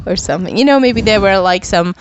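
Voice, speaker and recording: A woman co-hosting a casual home podcast while ill, talking in an animated way with frequent laughter. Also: medium pitch, a little hiss or hum. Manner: animated, laughs often, mocks others in voices. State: ill, yawning. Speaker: podcast co-host. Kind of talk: casual chat. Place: home living room. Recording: dry, muffled home recording.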